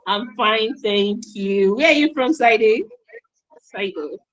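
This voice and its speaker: A woman's voice: medium pitch, slow pace, rough recording. Enthusiastic woman hosting online. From Nigeria. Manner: enthusiastic, repetitive, encouraging. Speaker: host and moderator.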